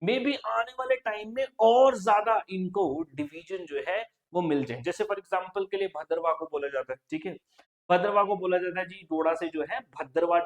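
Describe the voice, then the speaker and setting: A male coaching teacher giving an exam-prep lecture, quizzing his students and repeating every answer. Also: sits high. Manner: repetitive quizzing, keeps saying "okay" and "friend".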